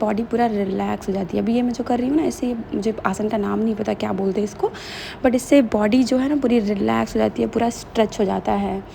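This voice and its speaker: A woman's voice: medium pitch, gravelly, warm tone, a little hiss or hum. A young woman chatting casually in a vlog voice-over, slipping English phrases into her talk. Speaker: vlogger.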